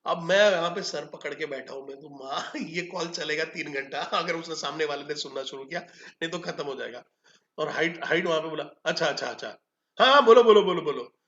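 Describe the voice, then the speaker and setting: A man giving an energetic training talk on tele-calling, animated and full of quick acted examples. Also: on the high side. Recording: echoey room, dull lo-fi sound.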